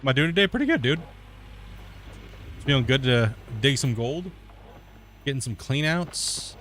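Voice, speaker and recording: Streaming a mining game, a man with a mid-range, fairly bright, animated voice rambles at a moderate pace, laid-back and full of "like" and "dude," while mentioning that a sunburn has him itchy. There's slight background noise behind his casual gameplay commentary.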